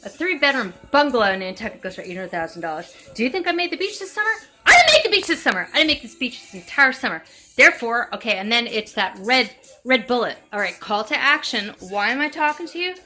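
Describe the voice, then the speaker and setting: A woman's voice: on the high side, very animated, fast, sharp tone, soft background music. A woman rambling through a comedic tutorial, acting out mock-dramatic examples. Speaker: comic character giving a tutorial. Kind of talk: improvised comedic monologue.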